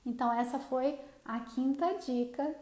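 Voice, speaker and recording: A Brazilian woman in her thirties talks to her viewers about raising children. She keeps it chatty and keeps checking that they are following along. Her voice sits high, and the room around her gives it a noticeable echo. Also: fairly even intonation, measured pace. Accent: Brazilian Portuguese. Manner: chatty, warm, often asks viewers for agreement. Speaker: parenting vlogger. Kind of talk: casual advice talk to viewers. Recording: roomy echo.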